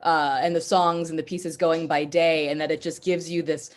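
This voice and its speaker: A woman's voice: low-pitched, little pitch movement, moderate pace. A woman hosting an interview, reflective and enthusiastic, searching for words with lots of fillers. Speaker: podcast host. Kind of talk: conversational interview.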